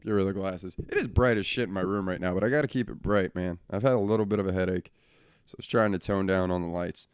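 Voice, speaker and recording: A man's voice: sits low, fast, clean tone, dry recording, studio quality. A young man hosting a casual solo podcast from his bedroom, talking bluntly and swearing often as he rants. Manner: blunt, profane and ranting. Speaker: podcast host.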